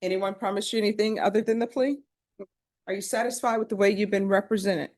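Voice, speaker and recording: A woman judge presiding in a courtroom, running through formal legal admonishments in a brisk, practiced way. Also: mid-range voice, fairly even intonation, darkish tone. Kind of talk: courtroom proceedings.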